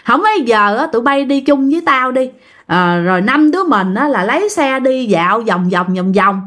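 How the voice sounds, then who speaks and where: A woman's voice: a little high, sing-song, normal speed. A woman voicing a rowdy, teasing young man who hollers and goads his friends, while telling a ghost story. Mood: whiny. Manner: loud, goading, hollering.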